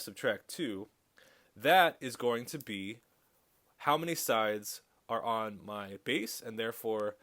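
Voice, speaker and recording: A man teaching a recorded high school math tutorial, chatty and upbeat with corny jokes. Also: fairly bright tone.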